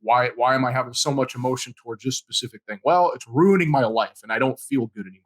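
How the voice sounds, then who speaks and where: A man's voice: medium pitch, fast. A man hosts an interview podcast in casual conversation. He tells stories and acts out the lines of the people in them. He laughs easily as he talks. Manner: storytelling, acts out quoted dialogue, laughs often. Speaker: podcast host.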